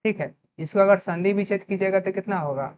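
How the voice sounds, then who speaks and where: A woman's voice: medium pitch, fast talker, a little mellow, a little hiss or hum. A woman with a Bihari Hindi accent teaching an online grammar lesson. She spells words out letter by letter and asks questions, then answers them herself. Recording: dull lo-fi sound.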